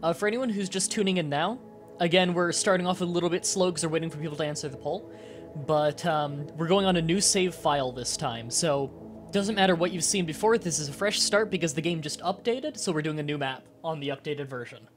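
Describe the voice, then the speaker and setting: A man with a fairly high voice streams live, congested and nasal with a strip across his nose. He talks casually to his viewers in halting stretches, short of breath, with music playing along. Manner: halting, with pauses to breathe and throat clearing. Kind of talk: casual livestream chat to viewers.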